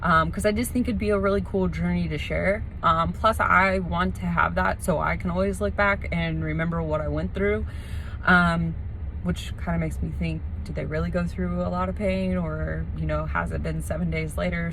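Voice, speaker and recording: Casting: female vlogger, slightly low voice, informal rambling explanations, recorded with some background noise. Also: fairly bright tone, low-quality recording. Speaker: vlogger preparing for nose surgery. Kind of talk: casual vlog chat.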